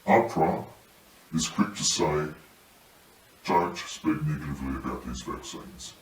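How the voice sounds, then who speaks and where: A man giving serious testimony as a paramedic whistleblower in measured, halting phrases, his voice electronically disguised to sound deep. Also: animated. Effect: disguised deep voice, electronically lowered. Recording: roomy echo, distant mic, faint noise.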